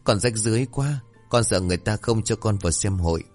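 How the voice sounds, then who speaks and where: A man's voice: fairly low pitch, fast talker, a little mellow, soft background music, lightly acted. A man voicing a poor, meek young girl who pleads plaintively in a folk tale.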